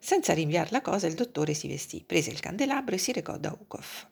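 A woman reads a story aloud at a steady, measured pace. Her voice is low, with a gravelly, husky grain. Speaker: narrator. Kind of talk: scripted story reading.

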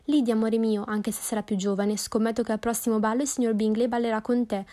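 Fussy, shrill mother, as a woman narrator reads her. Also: flat delivery, fast talker, mellow, natural voice. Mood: gushing. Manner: shrill and complaining. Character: fussy, excitable middle-aged mother. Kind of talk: audiobook character voice.

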